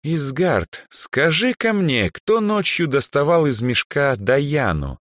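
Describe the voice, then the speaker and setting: A man's voice: a little high, big pitch swings, takes it slowly, a bit bright, no room sound, clean studio sound, pitched above the performer's own voice, exaggerated voice. A man voicing an aging male archmage who sighs, lectures and sometimes snaps in anger. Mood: probing. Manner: sighing, lecturing, flares into anger. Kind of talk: audiobook character voice.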